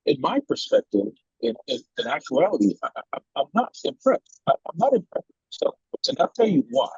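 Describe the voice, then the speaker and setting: A man's voice: fairly high pitch, very animated, normal speed, a little mellow, breathy edge, no echo, muffled recording. A man in a casual discussion over a video call, his audio choppy and breaking up so his words stutter and repeat. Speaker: meeting participant.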